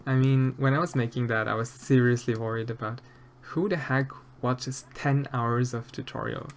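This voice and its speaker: Sculpting during a casual live stream, an Austrian man with an Austrian German accent answers viewers' chat softly and hesitantly, stumbling through fillers and restarts. He speaks in a mid-range voice with fairly even intonation at a moderate pace.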